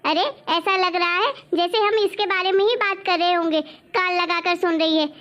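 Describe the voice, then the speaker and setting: A woman's voice: very high-pitched, fairly even intonation, moderate pace, a bit bright, highs cut off. A woman playing a proud, bossy mother-in-law who scolds indignantly, in a family drama. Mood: scolding.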